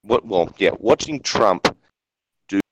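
A man's voice: lowish voice, lively intonation, noisy background. Man on a choppy, cutting-out call. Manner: halting, restarts words. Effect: choppy, cutting-out call connection. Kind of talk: casual political debate over a video call. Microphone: video call.

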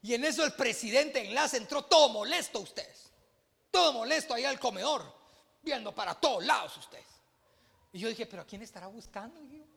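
A Guatemalan pastor preaches a sermon, his voice high and bright with a gravelly edge. He swings between booming exclamations and hushed asides, while long reverb trails through the church hall. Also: lively intonation, fairly quick. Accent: Guatemalan Spanish.

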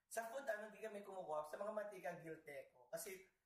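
A Filipino podcast co-host tells stories in a casual chat, playful, sassy and poking fun at himself. He talks fast in a high-pitched voice, recorded in an echoey room.

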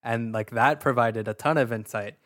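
A man in casual conversation about an album, relaxed and thoughtful, with lots of filler words as he works through his points. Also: medium pitch, moderate pace, dry recording, studio quality. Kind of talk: casual music review chat.

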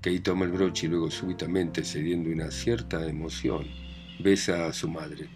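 A man with a Rioplatense accent hosting a reading program, calmly narrating a play aloud. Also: sits low, normal speed, faint music behind. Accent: Rioplatense Spanish. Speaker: host and reader of a reading program.

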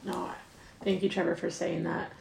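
A woman's voice: on the low side, flat delivery, normal speed, vocal fry, darkish tone. A woman hosting a podcast interview, chatty and effusive with a lot of fillers. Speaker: podcast host. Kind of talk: casual interview chat. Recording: roomy echo.

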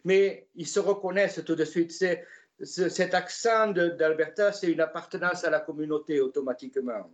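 An older man speaks with a Gascon French accent, his voice sitting a touch higher than most men's. He rambles through his stories in a relaxed interview, pausing on fillers and restarting his sentences as he goes. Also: dull audio. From Gascony, France. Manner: rambling, many hesitations and restarts. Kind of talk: casual storytelling interview.

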